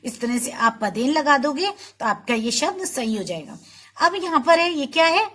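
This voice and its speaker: High-pitched female teacher for a kids' spelling lesson; patient, sounds out each syllable slowly and has the class repeat. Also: lively intonation, pushed and bright. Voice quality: slow, drawn-out syllable-by-syllable pronunciation. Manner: patient, repeating words for children to echo. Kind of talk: Hindi spelling lesson for children.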